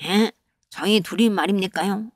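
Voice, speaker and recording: A woman's voice: medium pitch, moderate pace, dry recording, clean studio sound, natural voice. A woman voicing timid male bandit underlings who fawn over their chief, in a comic animation. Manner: nervous, fawning.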